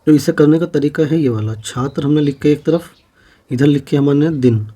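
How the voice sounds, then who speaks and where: Mellow-voiced male maths teacher. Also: on the high side, moderate pace. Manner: works problems step by step, repeating each figure as he writes. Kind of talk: exam-prep maths lesson.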